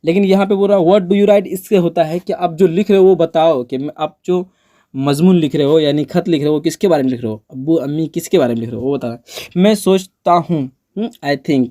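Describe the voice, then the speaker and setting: A man teaching spoken English, speaking slowly and repeating each example sentence for learners. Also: a little high, warm tone.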